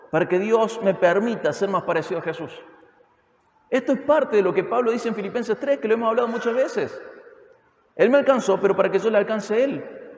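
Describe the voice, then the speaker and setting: High-voiced Argentine preacher in echoey hall. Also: male voice. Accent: Argentine Spanish (Córdoba). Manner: emphatic, firing rhetorical questions at the congregation. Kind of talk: expository sermon. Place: church hall. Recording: echoey hall with long reverb.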